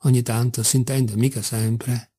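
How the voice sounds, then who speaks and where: A man reading as a drunken old father, husky. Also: mid-range voice, little pitch movement, normal speed, dark tone, close to an everyday voice. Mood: mocking. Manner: rambling, mocking, and wheedling. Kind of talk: audiobook character reading.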